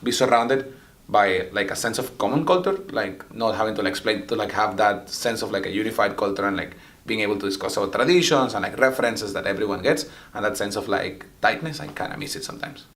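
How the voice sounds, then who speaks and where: A man's voice: lowish voice, brisk, fairly bright tone. A young man from Venezuela, a Spanish speaker, answering interview questions as an international student in a chatty way, full of "like" fillers. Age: young adult. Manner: talkative, many "like" fillers.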